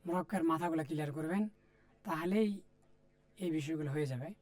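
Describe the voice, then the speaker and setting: Speaking quickly in a fairly high voice with a Bangladeshi Bengali accent, a man leads a Quran-reading spelling drill. He goes letter by letter through Arabic letters and vowel marks, patient and repetitive, and talks straight to his viewers.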